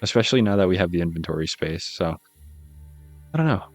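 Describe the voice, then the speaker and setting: A man with a Boston accent giving relaxed, casual commentary as he plays a game, musing aloud and chuckling at himself. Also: deep voice, fast, soft background music. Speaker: gaming channel host.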